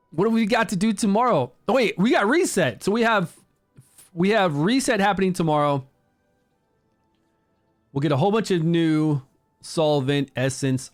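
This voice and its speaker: A man hosting a casual game livestream in a slightly higher voice, chatty and upbeat as he talks his viewers through his progress. He greets people in chat by name and keeps an easygoing, promotional tone.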